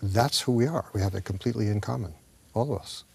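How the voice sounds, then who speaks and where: A man's voice: fairly low pitch, fast, vocal fry, darkish tone, breathy edge. A man, an actor, talking reflectively in an interview and telling a story with acted-out dialogue, sometimes dropping to a whisper.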